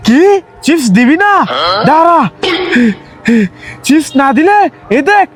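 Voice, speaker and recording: A prankish cartoon big brother, as a man acts him out talks in a very high, squeaky voice that leaps up and down. He is loud, bossy and teasing. His delivery stays playful and cartoonish. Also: lively intonation, slow pace, soft background music, exaggerated voice.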